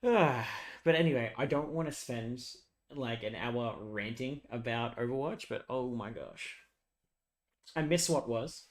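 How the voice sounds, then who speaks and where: On a live stream, a young man with a hoarse, medium-pitched voice chats casually with his viewers at a measured pace. He rambles, laughs often and swears freely.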